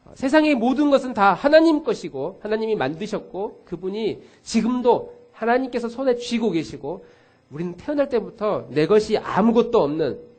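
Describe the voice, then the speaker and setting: A middle-aged man preaching in a church. His voice sits high and swings widely in pitch. He talks straight to his listeners and acts out the quotes in his stories. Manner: animated storytelling with acted quotes; addresses congregation directly. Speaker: pastor. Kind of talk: sermon. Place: church sanctuary.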